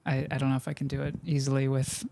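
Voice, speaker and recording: A man's voice: medium pitch, completely flat delivery, fast talker, creaky, noisy background. A man hosting a podcast, asking questions and chatting casually with his guest. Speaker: podcast host, interviewer. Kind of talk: casual conversational interviewing.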